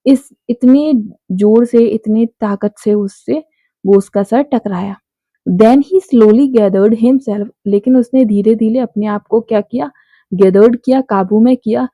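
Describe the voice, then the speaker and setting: A woman explaining an English chapter line by line, reading each line slowly and then explaining it in casual Hindi. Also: a little high, warm tone, no echo.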